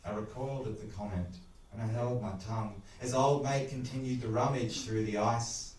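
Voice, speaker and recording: A man narrating a macabre short story in an animated, wry, crude style, recorded in an echoey room away from the mic. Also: mid-range voice, moderate pace, far from the mic. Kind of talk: dramatic spoken horror narration.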